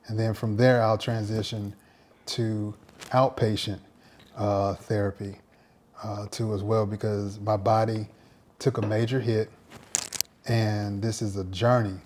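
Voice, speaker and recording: Man, pastor, slightly deep voice, unscripted testimony, slow and searching, repeats words. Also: a little mellow. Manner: reflective, halting, repeats words while searching for them. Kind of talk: personal faith testimony.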